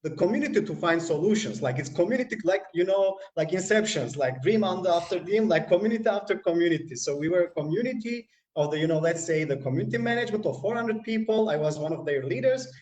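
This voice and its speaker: High-voiced man in an echoey room. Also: expressive, fast, few pauses, a little mellow. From North Macedonia. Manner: earnest, rambling with many fillers. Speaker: guest, hackathon community manager. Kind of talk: live online panel talk.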